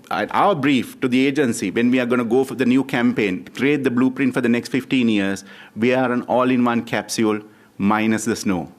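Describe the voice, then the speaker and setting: Male speaker, Sri Lankan accent, mid-pitched. Formal dinner address, emphatic, repeats short phrases for weight. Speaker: tourism official giving an address. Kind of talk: formal public speech at a dinner.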